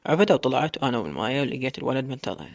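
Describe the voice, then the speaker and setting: A man's voice: medium pitch, big pitch swings, racing, gravelly. A man with an Iraqi accent narrating a story in the first person, from a woman's viewpoint. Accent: Iraqi Arabic.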